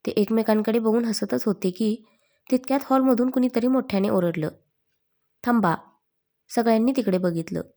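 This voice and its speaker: Soft-voiced woman reading a story. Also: a little high. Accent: Marathi. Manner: reads every character's lines in her own voice. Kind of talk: scripted story narration.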